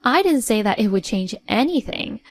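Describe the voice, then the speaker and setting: A woman's voice: a little high, big pitch swings, normal speed. A woman narrating a first-person story in a blunt, cold, confrontational way.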